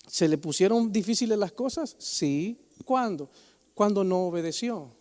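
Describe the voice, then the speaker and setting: A man with a high voice delivers a Sunday sermon, mixing humor with earnest exhortation and talking to his congregation like a brother. His words ring out with a long reverb through the church sanctuary. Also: expressive, a little slow, a little mellow. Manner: joking, conversational preaching, often calling the listener "hermano". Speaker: preacher.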